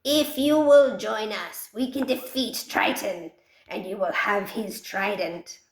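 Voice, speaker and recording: A woman's voice: mid-range voice, takes it slowly, reverberant, low-quality recording. A woman voicing a fearful, scheming male starfish wizard who speaks with a trembling, fawning voice in a storybook. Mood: bold.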